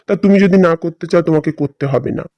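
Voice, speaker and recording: A man's voice: a little high, fast talker, no room sound, muffled recording, natural voice. A man voicing a selfish, hen-pecked grown son in a cartoon drama, blunt and impatient. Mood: placating. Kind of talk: cartoon voice acting.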